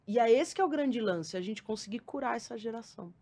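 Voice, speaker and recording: A woman with a fairly high voice tells stories from her school lectures as a podcast guest. She talks casually and with lots of slang. She also acts out the quotes in her stories, and her delivery stays lively throughout. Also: quick pace. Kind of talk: casual storytelling conversation.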